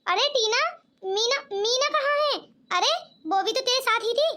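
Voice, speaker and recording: A woman's voice: very high-pitched, normal speed, sharp tone. A woman voicing an anxious, meek young mother in a cartoon comedy, pleading and fretting. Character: worried meek young mother, elder daughter-in-law.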